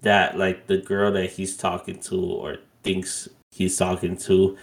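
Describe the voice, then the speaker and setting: A man's voice: sits low, monotone, slow, creaky. A man in his twenties co-hosting a podcast, chatting casually and rambling with lots of "like" fillers. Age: 20s. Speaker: podcast co-host. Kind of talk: casual chat.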